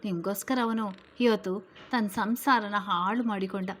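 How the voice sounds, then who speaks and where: A woman reading a storybook voicing a stern, protective middle-aged mother who scolds her relatives loudly and forcefully. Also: mid-range voice, steady tone, normal speed, slight background noise, natural voice. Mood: angry.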